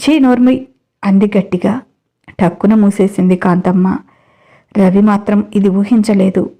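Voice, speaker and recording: Mellow-voiced woman storyteller. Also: mid-range voice, unhurried. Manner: steady, dramatic storytelling. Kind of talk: scripted story narration.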